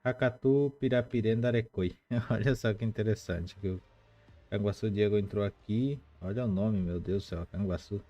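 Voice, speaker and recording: A man teaching a live online language lesson, explaining patiently and repeating words slowly, with chatty asides to viewers. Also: on the low side, mellow, muffled recording, soft background music.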